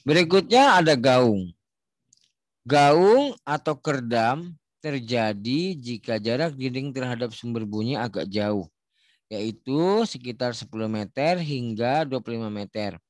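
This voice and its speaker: A man explains a lesson in a casual, chatty way. His voice sits at an ordinary middle pitch. The recording is dry and close, with no room echo. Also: animated, a little slow. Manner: demonstrates echoes by shouting and imitating sounds. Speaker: teacher.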